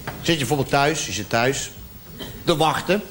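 A man performing a stand-up comedy routine, acting out scenes and swinging between low muttering and loud outbursts, recorded live before an audience. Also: expressive, normal speed, background noise.

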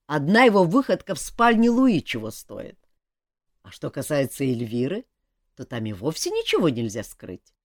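A woman's voice: on the low side, a little mellow, no room sound, clean studio sound, voice pushed up. A woman reading as a teasing young king. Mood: reassuring. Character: young man, a good-humoured teasing king.

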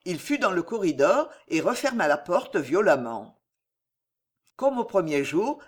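A narrator giving an expressive, theatrical reading of a French historical novel. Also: medium pitch. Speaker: audiobook narrator.

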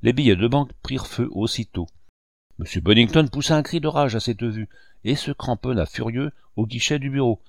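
A man narrating a classic novel in a steady, dramatic reading. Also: medium pitch, a little fast, vocal fry, no echo, clean studio sound. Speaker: audiobook narrator. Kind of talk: scripted narration.

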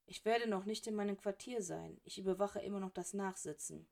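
A woman's voice: mid-range voice, fairly quick, creaky, warm tone, lightly acted. A woman reading as a dry, sarcastic middle-aged male wizard in a storybook, close to her own voice. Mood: curt. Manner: dry, sardonic. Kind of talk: audiobook character reading.

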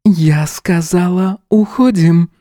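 A masked woman commander, authoritative and gentle at once, as a man puts her on in a raised voice. Her orders come slow and measured. The reading is dry and close, in an audiobook. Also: high voice, no room sound, pitched above the performer's own voice. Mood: commanding.

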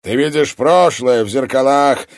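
A man voicing a hidden evil sorcerer with a hoarse, barking voice, speaking slowly, loudly and menacingly in an audiobook. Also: mid-range voice, no echo, studio quality, voice pushed up, close to an everyday voice. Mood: mocking. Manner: slow, loud, commanding.

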